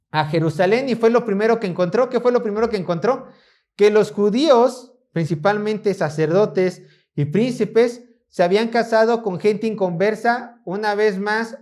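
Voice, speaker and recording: A man with a Mexican Spanish accent preaching a sermon in a church, animated, acting out the voices of the people in the story. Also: sits high.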